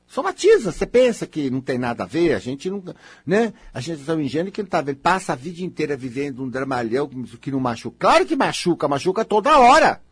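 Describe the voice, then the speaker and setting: Husky, teasing Brazilian counselor. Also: male voice, fairly high pitch, sing-song, fast talker, no room sound. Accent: Brazilian Portuguese. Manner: teasing, emphatic, coaxing. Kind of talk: live counseling session with a participant.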